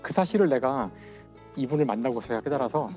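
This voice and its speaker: A man in his fifties, a physics professor on a TV talk show, telling a story in a lecture style and slowing down for dramatic emphasis. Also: mid-range voice, lively intonation, darkish tone, faint music behind. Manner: enthusiastic, slows down for dramatic emphasis. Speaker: physics professor guest speaker.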